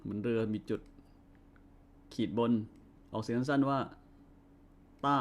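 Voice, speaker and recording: A man's voice: medium pitch, mellow. Patient male language teacher. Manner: patient, repeats sounds slowly for learners. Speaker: Arabic teacher. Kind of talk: step-by-step language lesson.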